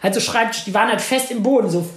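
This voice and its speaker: High-voiced young man rambling through a story. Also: quick pace, fairly bright tone. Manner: rambling, slangy, lots of "ne?" and "ich so". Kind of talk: casual storytelling chat. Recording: roomy echoey sound.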